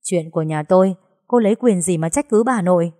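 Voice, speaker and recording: A woman voicing a scornful young woman who sneers and shouts accusations. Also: on the low side, fairly quick, long reverb tail, lightly acted. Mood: scornful anger.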